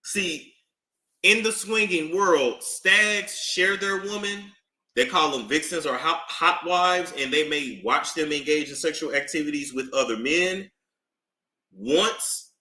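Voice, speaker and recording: A young man streams casual commentary as he reads court documents aloud, veering between loud outbursts and low muttering. The recording has an echoey room sound.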